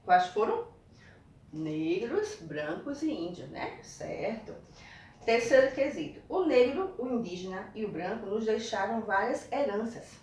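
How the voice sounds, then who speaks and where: A woman's voice: on the high side, very animated, unhurried, a little mellow, very echoey, far from the mic, slight background noise. A woman from Brazil teaching a video lesson, guiding children through textbook exercises and checking in with frequent tag questions. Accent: Brazilian Portuguese.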